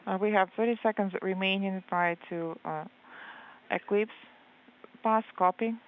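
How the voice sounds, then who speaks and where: A woman delivers a live translation voice-over in short, halting fragments, often hesitating as she interprets. Her voice sits at a medium pitch and comes through a thin, phone-like line. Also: steady tone.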